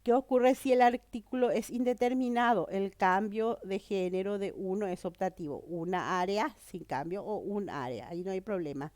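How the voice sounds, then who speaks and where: With a cold, a woman teacher explains a grammar lesson in a medium-pitched, darkish voice at a moderate pace with few pauses and no echo. She often checks that her students follow, asking "¿verdad?" and "¿mm?"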